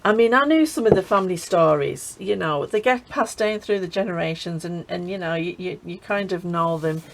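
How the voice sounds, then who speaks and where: A woman's voice: on the low side, normal speed, creaky, a little hiss or hum, poor audio. Chatty, laughing woman. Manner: chatty, laughs often, trails off and restarts. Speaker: craft channel host. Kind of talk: casual crafting chat.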